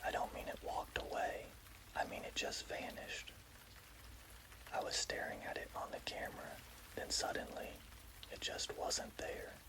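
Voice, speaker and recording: A person telling a scary story in a hushed, slow, deliberate ASMR whisper. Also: low-quality recording.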